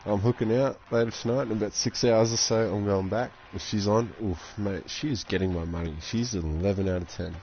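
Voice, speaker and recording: A man's voice: fairly low pitch, a little fast, hardly any pauses, dull audio, slight background noise. A young man chatting casually on a game live stream, rambling and swearing constantly.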